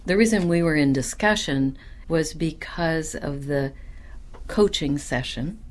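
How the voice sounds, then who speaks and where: Low-voiced, slow-speaking woman coach. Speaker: business speaking coach and co-founder. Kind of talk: reflective conversational storytelling.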